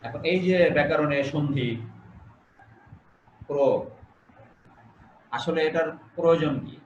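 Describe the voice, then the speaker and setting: A man's voice: on the high side, fairly even intonation, unhurried, roomy sound, lo-fi sound, a little hiss or hum. A male teacher giving an online class, explaining step by step, repeating key phrases and putting questions to his students. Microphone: video call.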